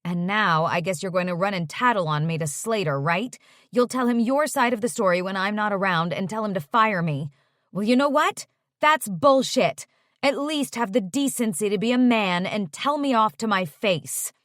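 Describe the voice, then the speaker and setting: A woman's voice: mid-range voice, fairly quick, a bit bright, no room sound, clean studio sound, close to an everyday voice. A woman voicing an indignant young woman who confronts someone with a raised voice. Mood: angry.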